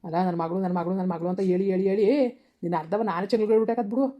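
A woman's voice: on the low side, rapid-fire, close to an everyday voice. A woman playing a furious cursing village father. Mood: raging. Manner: shouting, abusive, bitter. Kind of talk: village family drama acting. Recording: dull lo-fi recording.

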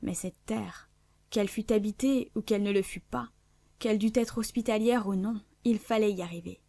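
A woman narrating a classic adventure novel in a measured, clear literary reading. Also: medium pitch, fairly even intonation, dark tone, dry recording. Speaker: audiobook narrator.

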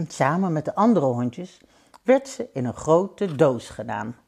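A woman reading a children's storybook aloud, expressive and gentle, with playful sound effects. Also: sits low, takes it slowly, creaky, husky.

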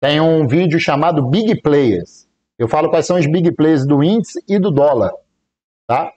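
A man's voice: a little high, lively intonation, unhurried, darkish tone, muffled recording. A man from Brazil streaming live day trades, chatting casually with viewers and joking while he counts aloud. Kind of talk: live trading stream chat.

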